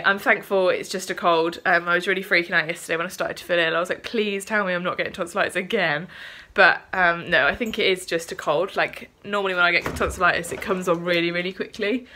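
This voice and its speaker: A British woman in her twenties chats casually into her phone camera as a vlogger, her voice low, quick and sharp-toned. She's congested and slightly out of breath from a cold, rambling along with plenty of ums. The phone recording carries light background noise.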